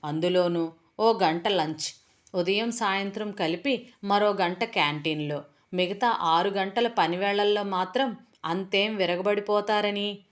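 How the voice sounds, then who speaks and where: A woman's voice: medium pitch, measured pace, close to an everyday voice. Woman voicing a scolding young housewife. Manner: scolding, questioning. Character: sharp-tongued young housewife, nagging husband.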